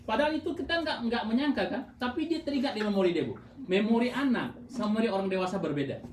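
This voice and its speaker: A woman giving an informal religious talk to mothers, lively and laughing, often asking her listeners questions. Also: a little high, fast talker, a little hiss or hum. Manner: lively, asks the audience often, frequent laughs. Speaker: religious speaker. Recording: echoey room, voice from far off, crowd behind.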